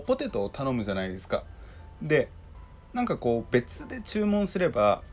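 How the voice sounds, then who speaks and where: Hoarse young man chatting, lively pitch. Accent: Kansai. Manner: chatty storytelling with many fillers. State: hoarse, dry throat. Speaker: podcast host. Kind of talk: casual solo talk.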